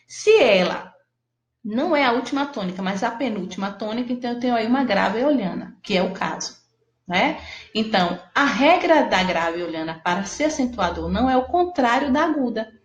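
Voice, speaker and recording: A Brazilian Portuguese-speaking woman teaching a lesson, explaining patiently and checking in with her students often. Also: fairly high pitch. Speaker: Spanish teacher. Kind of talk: recorded classroom lesson. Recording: echoey room.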